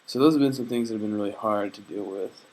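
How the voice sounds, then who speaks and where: A young man talks at a quick pace in a fairly low, darkish voice while recording a casual personal video diary. The vlogger is homesick, and his speech is hesitant, reflective and earnest, full of fillers and restarts, with a faith-minded outlook.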